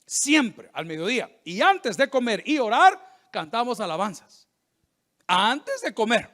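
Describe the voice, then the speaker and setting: Man, middle-aged pastor, sermon, joking and animated, high-pitched, very expressive intonation. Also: unhurried. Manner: animated, joking preacher who acts out quoted voices.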